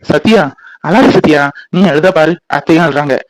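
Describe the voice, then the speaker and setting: A man's voice: fairly high pitch, no room sound, lightly acted, poor audio. A man playing a young husband who coaxes his mother and reassures his new in-laws. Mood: reassuring. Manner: pleading, coaxing, quick.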